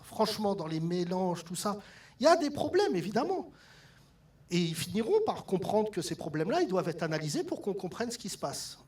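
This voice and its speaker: A man doing a stand-up comedy set on stage, telling stories with lively delivery and mimicking his mother. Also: high-pitched. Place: theatre stage with audience laughter.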